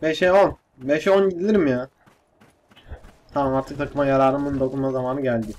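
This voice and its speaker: A young man giving casual let's-play commentary, excitable and swearing, with frustrated outbursts. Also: mid-range voice, moderate pace, a little hiss or hum. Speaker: gaming YouTuber.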